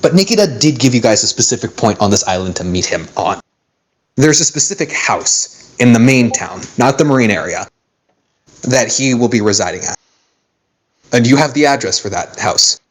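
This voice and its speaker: Male game master, casual and joking, mid-pitched. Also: animated, normal speed. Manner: laid-back, joking. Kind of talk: narrating a tabletop game. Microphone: phone.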